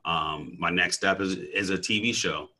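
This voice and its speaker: In a casual, energetic interview, a deep-voiced man talks about his work as a coach and speaker, often restarting and stammering. His delivery is unhurried with a sharp tone, and his speech is slangy, full of "bro."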